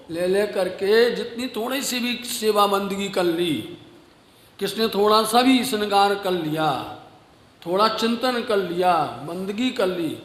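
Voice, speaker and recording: A man giving a devotional sermon, earnest and slow, rising at times to emphatic exhortation. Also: sits high, fairly bright tone. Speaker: preacher. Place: ashram hall. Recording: echoey hall with long reverb.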